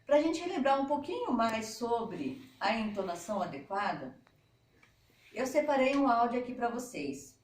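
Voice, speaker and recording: A woman's voice: a little high, very animated, normal speed. A woman teacher giving a patient, step-by-step lesson to schoolchildren. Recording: echoey room, mic at a distance.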